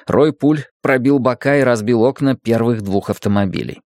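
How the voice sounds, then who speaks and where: A man narrating a dramatic audiobook in a steady, measured way. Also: mid-range voice, dry recording, clean studio sound.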